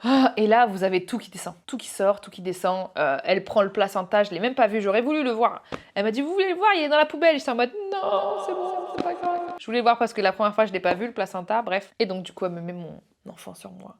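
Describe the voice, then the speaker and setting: A young woman vlogger candidly recounting a personal story, animated, acting out the voices she quotes and laughing often. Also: medium pitch, quick pace.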